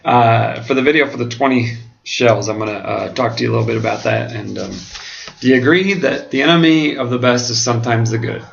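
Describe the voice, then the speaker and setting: An American pastor who is also a seminary student talks to the camera, answering questions in an earnest, halting, reflective way; oral surgery has left his mouth swollen and seemingly numb. His voice is mid-range, and the dull lo-fi home video carries obvious noise.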